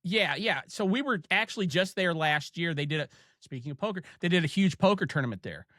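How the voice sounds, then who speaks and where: Expressive and a bit high-pitched with a sharp tone, this Ohio-accented man hosts a podcast, rambling through casual stories full of fillers and false starts. The recording is dry and of studio quality.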